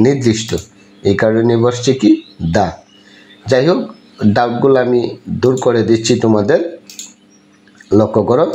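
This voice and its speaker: A man's voice: medium pitch, darkish tone. A man teaching English articles to students. He keeps asking a question and then answering it himself. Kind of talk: explaining a lesson to students. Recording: echoey room with faint ambience.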